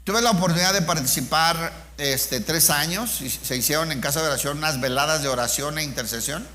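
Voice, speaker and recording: Bright-voiced preacher man. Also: on the high side, fairly quick. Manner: conversational, addresses listeners as brothers, frequent rhetorical questions. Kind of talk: informal sermon with personal testimony.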